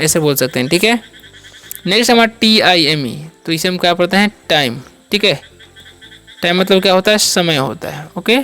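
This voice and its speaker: A man's voice: high voice, a bit bright, clean tone. A man teaching English words step by step, spelling each word out, quizzing listeners and answering himself, with frequent check-ins. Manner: repeats each word, asks and answers his own questions; ends points with a reassuring check-in. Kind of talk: step-by-step classroom-style lesson.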